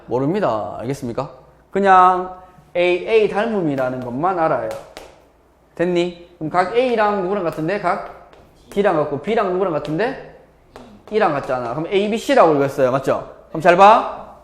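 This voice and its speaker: Lively high-voiced man teaching math. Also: moderate pace. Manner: lively, constantly checking with students. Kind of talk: live classroom lecture. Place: classroom. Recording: echoey classroom.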